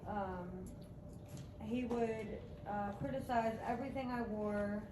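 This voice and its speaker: A woman in a recovery group sharing her story hesitantly, pausing with many fillers. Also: fairly high pitch, fairly even intonation. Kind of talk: personal sharing. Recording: distant roomy recording with noise.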